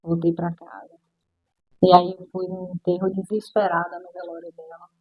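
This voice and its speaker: A woman's voice: fairly low pitch, flat delivery, normal speed, breathy edge, narrow, tinny audio. Brazilian woman telling a heartfelt testimony. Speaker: guest sharing her testimony. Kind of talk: personal testimony in a church podcast interview.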